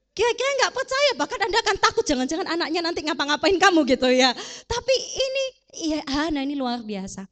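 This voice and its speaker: Brief: high-pitched woman preaching a sermon, casual and animated, quizzing her congregation.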